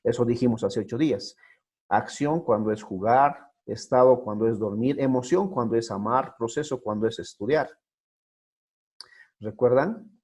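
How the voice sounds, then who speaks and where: A man's voice: medium pitch, moderate pace, a little mellow, slightly rough. A man teaching Bible Greek in an online class, who talks patiently, repeats his points and keeps checking that students follow. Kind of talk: recorded online class lecture.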